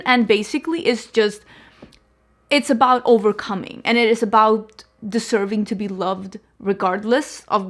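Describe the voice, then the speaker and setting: In a casual book review chat to camera, a young woman speaks at a medium pitch. She comes from Sweden and speaks Swedish as her first language. Her delivery is chatty and filler-heavy, with lots of "like," frequent restarts and self-corrections.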